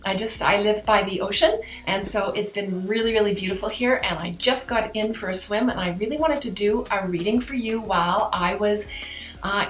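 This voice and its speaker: A woman's voice: medium pitch, fairly bright tone, reverberant. A woman doing a card reading to camera like a fortune teller, chatting directly to viewers in a mystical new-age way. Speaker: tarot and oracle card reader hosting her own channel.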